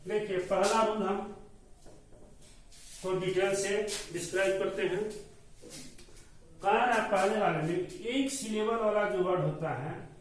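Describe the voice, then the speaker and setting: Male teacher, slow and repetitive, high voice; recorded from a distance in a very echoey room. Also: steady tone. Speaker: school teacher. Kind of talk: classroom grammar lesson. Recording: echoey room, mic far off, faint noise.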